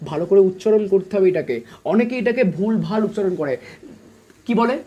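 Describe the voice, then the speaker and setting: A man's voice: high voice, lively intonation, moderate pace, warm tone, breathy edge, lo-fi sound. A man teaching commerce online. He talks casually, asks his students quiz questions and repeats each point before answering it himself. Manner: casual, chatty, calls students guys and brother. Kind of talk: online lesson.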